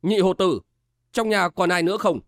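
A man's voice: high voice, moderate pace, dry recording, studio quality. Man doing an urgent young nobleman. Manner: urgent, commanding. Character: young nobleman, agitated and insistent.

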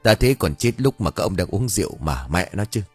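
A man's voice: deep voice, big pitch swings, fairly quick, slightly rough, no room sound, soft background music, full character voice. A man voicing an irritable drunk young village man who curses. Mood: irritated.

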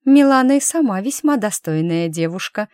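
A woman's voice: fairly low pitch, expressive, normal speed, darkish tone, no room sound, clean studio sound, lightly acted. A woman voicing a proud, cold young lady chaperone who speaks haughtily in a raised voice. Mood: cold haughty.

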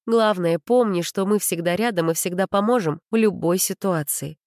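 A woman's voice: on the low side, moderate pace, darkish tone, no echo, studio quality, natural voice. A woman reading as a caring, worried mother. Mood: soothing.

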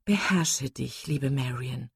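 A woman reading an audiobook and voicing a composed young woman who speaks earnestly and gently firm. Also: extremely low pitch, slow pace, vocal fry, husky, no echo, clean studio sound, voice pushed down, exaggerated voice.

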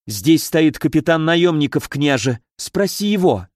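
A man's voice: fairly high pitch, animated, measured pace, a little mellow, no room sound, studio quality. A man voicing a resolute young princess. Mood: accusing. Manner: firm accusing speech.

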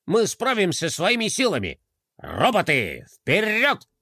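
A man's voice: sits high, wildly swooping pitch, unhurried, sharp tone, slightly rough, no echo, studio quality, heavily acted. A man voicing a pompous, bossy toy rabbit general who barks orders. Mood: commanding. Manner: barking, commanding, scoffing.

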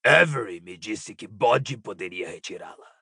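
A man voicing a cold, cruel dark lord in an audiobook, speaking slowly with quiet, icy menace. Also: fairly low pitch, animated, dry recording, clean studio sound, voice pushed down, heavily acted. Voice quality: cold, creaky and husky. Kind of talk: audiobook character voice.

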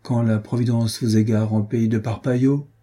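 An unctuous cheating gambler who talks like a churchman, put on by a man reading an audiobook. The voice sits higher than the reader's own but keeps his dark, husky grain. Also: flat delivery, normal speed, natural voice. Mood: smug. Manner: unctuous, sanctimonious. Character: pious-talking cheating male card sharp.

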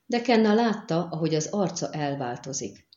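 A woman narrating an audiobook in a measured, even storytelling manner. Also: sits low, reverberant, dull audio.

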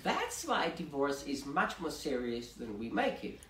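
A man with an Austrian accent preaching a sermon in English, pausing after each short phrase for his interpreter. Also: medium pitch, wildly swooping pitch, a bit bright. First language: German.

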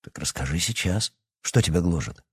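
A man voicing a guarded, hesitant young werewolf heir in an audiobook, speaking softly. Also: sits low, expressive, moderate pace, breathy edge, no room sound, studio quality, pitched below the performer's own voice, exaggerated voice.

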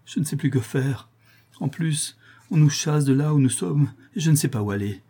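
A man's voice: on the high side, normal speed, warm tone, slightly rough, voice pushed up. A man reading aloud and voicing a distraught young nun, broken and ashamed, with anguished, pleading speech.

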